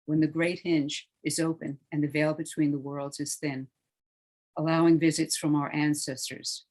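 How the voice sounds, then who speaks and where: A meditation guide leading a guided relaxation with a slow, soothing, hushed delivery that trails off softly at the ends of phrases. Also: mid-range voice.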